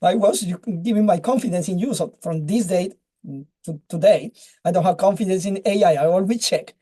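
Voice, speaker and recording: Halting man on a video call. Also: sits high, mellow, breathy edge. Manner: halting, searches for words, many restarts. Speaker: webinar speaker. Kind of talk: casual presentation and chat.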